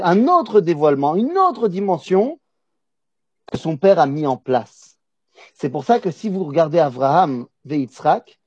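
A man's voice: high voice, darkish tone, slightly rough, no echo. A man with a Polish accent giving a religious lesson. He is emphatic, repeats key words and asks and answers his own questions. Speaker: Torah teacher. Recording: dull, dry lo-fi recording.

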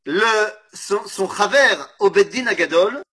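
A man with a French accent giving an informal Torah class, animated, often correcting himself and asking and answering his own questions. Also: high voice, unhurried, husky. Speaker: Torah teacher.

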